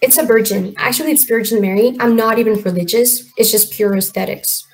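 A woman in her twenties talks on a video chat from a room at home. Her voice sits a bit high. She is expressive and argues her point with energy. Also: a little fast. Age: 20s. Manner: expressive, animated, argumentative. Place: room indoors.

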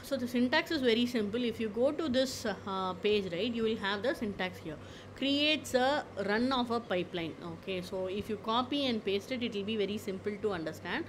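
A woman presenting a screen-recorded software tutorial, explaining step by step with frequent fillers and repeated "okay"s. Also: on the high side, expressive, normal speed, a little hiss or hum, rough recording.

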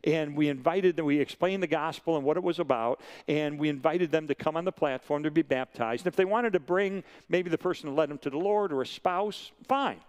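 Barely pausing, a sixty-something guest preacher moves briskly through his sermon in a slightly high voice. His storytelling is animated, full of forceful lines said again and again.

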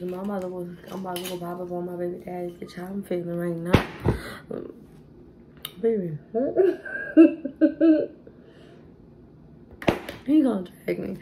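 Tipsy, creaky-voiced young woman. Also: lowish voice, fairly even intonation, moderate pace, background noise. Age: young adult. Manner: rambling, sassy, profane. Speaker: beauty vlogger. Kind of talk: casual makeup tutorial chat.

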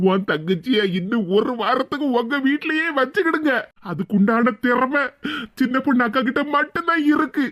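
A man's voice: very high voice, expressive, normal speed, fairly bright tone. A man voicing two young village men in a cartoon, friends and brothers-in-law, bantering with melodramatic comic flourishes in a Tirunelveli Tamil accent. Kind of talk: cartoon voice acting. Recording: dull lo-fi sound.

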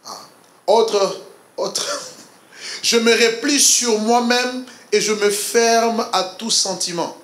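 A man leading an interactive church seminar on couples, quizzing his audience in an animated, laughing way. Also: high-pitched, takes it slowly. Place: church hall. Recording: echoey church hall.

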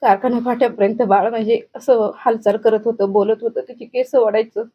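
A woman's voice: on the high side, fairly even intonation, fairly quick, muffled recording. A middle-aged woman, giving a grieving, urgent account in a news interview. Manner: grieving, urgent, recounting in detail. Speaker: bereaved grandmother interviewed.

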